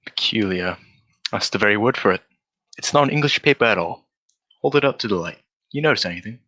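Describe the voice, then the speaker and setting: Man acting a bright, forceful, self-assured detective Sherlock Holmes. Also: lowish voice, animated, fairly quick. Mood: lecturing. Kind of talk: radio drama acting in a 1940s manner.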